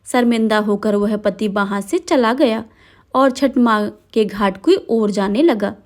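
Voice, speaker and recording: A woman narrating a devotional folk tale in a steady, dramatic storytelling manner. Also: mid-range voice, takes it slowly.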